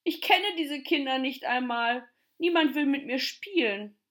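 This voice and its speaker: A woman voicing a young boy in a storybook reading, high and pleading. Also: unhurried, fairly bright tone. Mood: tearful pleading. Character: young boy Tommy, tearful then joyful.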